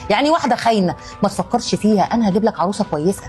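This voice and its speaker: A woman playing a scheming middle-aged mother-in-law who talks smoothly and dismissively. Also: mid-range voice, lively intonation, racing, darkish tone, soft background music, lightly acted.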